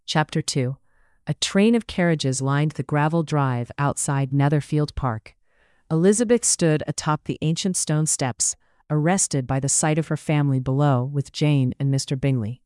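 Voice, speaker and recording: A narrator reading a romance novel aloud in a measured, steady way. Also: mid-range voice, clean tone, no echo, studio quality. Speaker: audiobook narrator.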